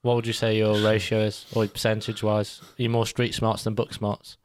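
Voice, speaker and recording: A man's voice: on the low side, monotone, a little fast. A young man, co-hosting a casual chat and rambling, swearing and laughing as he goes. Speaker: podcast co-host.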